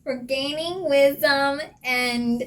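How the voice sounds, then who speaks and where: A woman putting on a high, nasal, whiny sitcom character voice, reading slowly and breaking into laughter. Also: a little hiss or hum. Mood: giggly.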